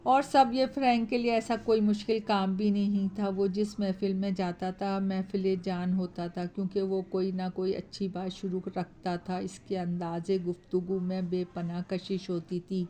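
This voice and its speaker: A woman narrating a horror story in a steady, even reading manner. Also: medium pitch, measured pace, few pauses, a little hiss or hum.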